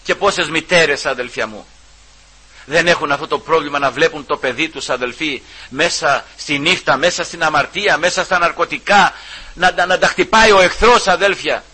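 A man preaching a sermon, repeatedly calling out to his brothers and swinging between loud emphasis and hushed asides. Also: on the high side, husky, low-quality recording.

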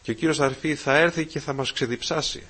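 A man preaching a sermon to his congregation, calling them brothers again and again and swelling louder on key phrases. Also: on the high side, breathy edge.

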